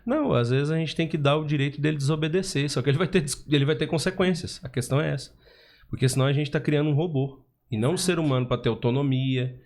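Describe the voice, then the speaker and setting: A man's voice: a little high, fast talker, darkish tone. A man talking casually as a podcast guest, with restarts and fillers.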